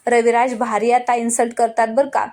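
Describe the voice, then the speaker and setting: A woman's voice: on the high side, little pitch movement, moderate pace, darkish tone. A woman casually retelling a TV serial episode in a chatty way, speaking straight to her viewers with frequent asides. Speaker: TV serial recap narrator. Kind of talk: casual storytelling recap.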